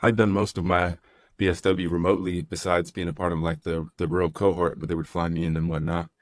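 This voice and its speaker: Deep-voiced easygoing male podcast host. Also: level tone, quick pace. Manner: easygoing, rambling, reads chat comments aloud. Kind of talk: casual podcast conversation.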